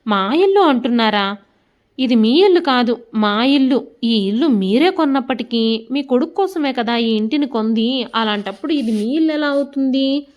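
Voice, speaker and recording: Woman voicing a shouting, indignant daughter-in-law. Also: fairly high pitch, lively intonation, moderate pace, lo-fi sound, lightly acted. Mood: angry. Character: angry young daughter-in-law, sharp-tongued.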